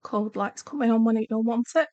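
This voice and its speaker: A middle-aged art channel host swatches pencils on a live stream, chatting casually while congested and sore-throated, apologizing and trailing off as she works. Her voice is a little high, a little fast and mellow, with no room sound, in dull lo-fi home stream audio.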